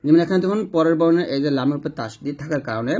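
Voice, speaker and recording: A man teaching Quran reading step by step, explaining rules slowly and drilling the letters in repeated rounds, with an occasional cough. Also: on the high side, darkish tone, breathy edge. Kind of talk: step-by-step recitation lesson.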